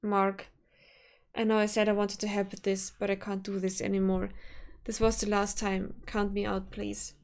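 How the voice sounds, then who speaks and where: A woman's voice: medium pitch, little pitch movement, moderate pace, gravelly, lightly acted. A woman voicing an angry, desperate young male scientist while reading a visual novel aloud, snapping out defiant outbursts. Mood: pleading.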